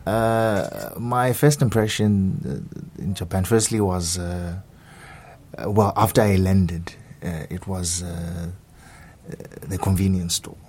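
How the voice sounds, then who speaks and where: A man with a South African accent answers as a student guest on radio, halting with many pauses and repeats. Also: sits low, a little mellow, breathy edge.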